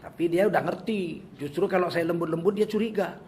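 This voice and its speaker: A man's voice: sits high, fairly quick, a little hiss or hum. An older man from Medan with a Medan accent, giving a humorous religious talk and acting out the voices he quotes. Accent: Medan Indonesian. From Medan, North Sumatra, Indonesia. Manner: animated, joking, acts out quoted voices. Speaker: preacher.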